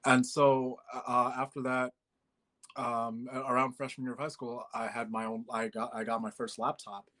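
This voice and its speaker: A man's voice: medium pitch, flat delivery, normal speed, a bit bright. A man in his twenties from Bangladesh, a musician guest chatting casually in an interview, with many fillers and easy laughs. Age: 20s.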